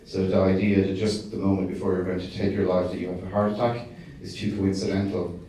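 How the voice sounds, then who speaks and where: At a festival screening, an Irish documentary director with a low, warm voice answers audience questions quickly but in a flat delivery, hesitating with fillers and restarts. He sounds distant in the echoey hall, with faint noise.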